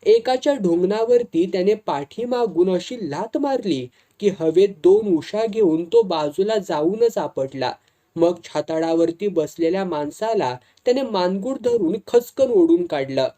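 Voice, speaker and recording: A man narrating a humorous village folk story in a lively, colloquial storytelling manner. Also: high-pitched, a little slow.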